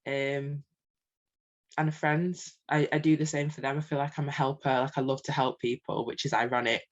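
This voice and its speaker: A woman's voice: very deep voice, little pitch movement, moderate pace, muffled recording. A middle-aged woman talking openly as a coaching client, hesitant and full of ums, with small self-conscious laughs. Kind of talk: candid conversational talk.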